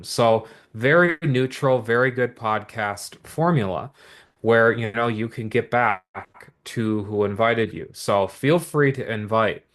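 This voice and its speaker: Pitching a business opportunity online, a man talks with steady, eager energy in an ordinary mid-pitched male voice. The motivational sales patter keeps looping back over his points, peppered with rhetorical questions and quick asides.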